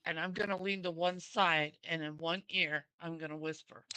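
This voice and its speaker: Bright-voiced woman playing a tabletop game. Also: sits low, fairly even intonation, moderate pace, clean tone, no room sound. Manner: describes her character's actions in first person. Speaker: player. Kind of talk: tabletop role-play.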